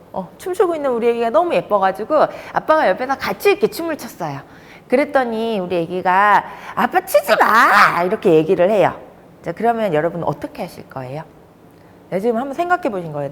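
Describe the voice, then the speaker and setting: A woman's voice: mid-range voice, in a large hall. A woman who works as a child development counselor, giving a talk to fathers in a storytelling way. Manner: warm storytelling with lively emphasis. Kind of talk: lecture to fathers.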